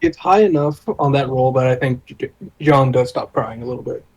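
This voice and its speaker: A man chatting casually as a player in a tabletop game, giggly and animated. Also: mid-range voice, moderate pace, rough recording.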